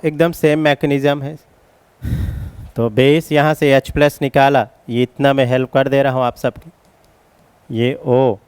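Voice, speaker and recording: A man's voice: medium pitch, smooth, dry recording. A man teaching chemistry as a classroom lecture, explaining each step and calling his students children.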